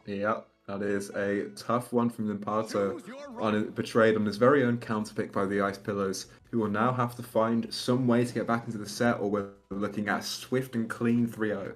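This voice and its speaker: A man's voice: on the low side, little pitch movement, moderate pace, soft background music. A young man calling play-by-play at a fighting game tournament, explaining the action and slipping in puns. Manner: analytical play-by-play, fond of puns. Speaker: esports commentator. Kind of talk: live tournament commentary.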